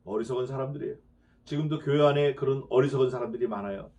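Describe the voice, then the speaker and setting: A man pastor delivering an expository sermon. He speaks emphatically, fires off rhetorical questions and swings between soft, low asides and loud declarations. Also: quick pace. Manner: dramatizes quoted speech.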